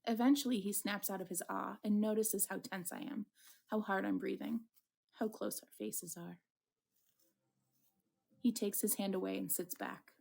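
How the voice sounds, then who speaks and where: A woman's voice: mid-range voice, steady tone, moderate pace, vocal fry, long pauses, a little mellow. A woman voicing a wounded, lovestruck man with playful bravado in a dramatic visual novel reading. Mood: smitten.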